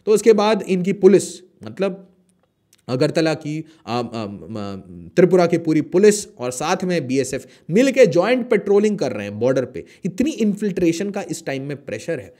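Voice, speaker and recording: A man giving an animated explainer lecture on current affairs, emphatic and full of rhetorical questions. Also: a little high, normal speed. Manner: emphatic, rhetorical questions, mixes English into Hindi.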